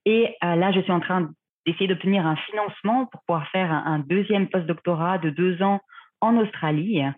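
A woman's voice: lowish voice, moderate pace. A woman in her thirties from Switzerland, a researcher and clinician, answering podcast questions in a careful, explanatory way with many fillers, heard over a remote call. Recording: phone-like remote call audio.

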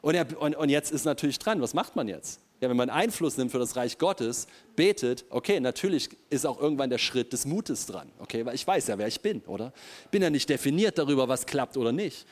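A man's voice: medium pitch, lively intonation, a little fast. A man preaching a sermon to a congregation, speaking animatedly and often repeating himself as he addresses the listeners directly.

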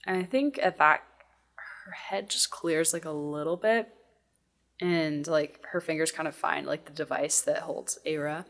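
A woman's voice: low voice, fairly even intonation, measured pace, a bit bright. A woman playing in a tabletop role-playing game, describing her character's actions hesitantly with many fillers. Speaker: player. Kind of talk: casual tabletop role-play.

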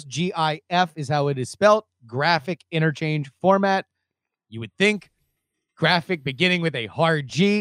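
A man's voice: fairly high pitch, a bit bright, no room sound, studio quality. A man co-hosting a podcast in casual chat, earnestly laying out his arguments point by point. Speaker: podcast co-host.

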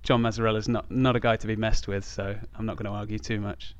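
A man's voice: fairly low pitch, flat delivery, quick pace, dull audio. A man hosting a podcast, talking casually about sport. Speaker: podcast host.

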